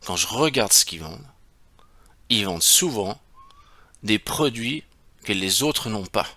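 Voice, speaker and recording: A man's voice: fairly low pitch, animated, a little slow, pushed and bright, dry recording. A man, an e-commerce consultant explaining in a casual, emphatic way and asking his viewers rhetorical questions. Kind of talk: screen-share tutorial.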